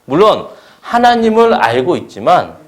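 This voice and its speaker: A man's voice: sits high, wildly swooping pitch, normal speed. A male preacher at a church service, preaching a sermon and asking the congregation paired questions. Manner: asks the congregation question-and-answer pairs.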